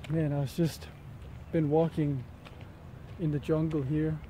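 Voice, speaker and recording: Laid back guy walking in the jungle talking to camera, bit sick, mellow tone, rambly, some outdoor noise. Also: on the high side, little pitch movement. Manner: musing, halting, searching for words. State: a bit sick with an ear infection. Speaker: vlogger. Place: outdoors in jungle, light rain. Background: faint outdoor ambience.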